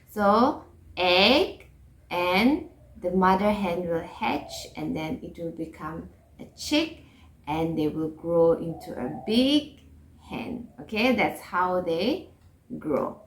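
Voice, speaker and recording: A woman teaching an English lesson to children, patiently repeating each word and checking in with "okay?" and "right?". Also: medium pitch. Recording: echoey room.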